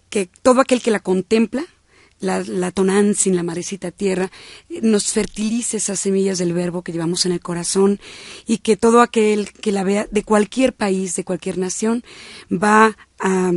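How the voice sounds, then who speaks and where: A woman's voice: mid-range voice, darkish tone, no echo. Mexican woman, talk show guest, fervent flowing religious speech, dry studio. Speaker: guest singer and speaker. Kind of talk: devout talk show conversation.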